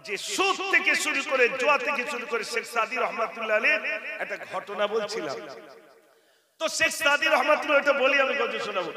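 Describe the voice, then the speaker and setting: High-voiced preacher over echoing PA. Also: male voice. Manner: storytelling with quoted voices, asks the crowd questions. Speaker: Islamic preacher and ghazal singer. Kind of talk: humorous Bengali waz sermon to a crowd. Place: outdoor religious gathering with a large crowd. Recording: echoey PA sound, crowd behind.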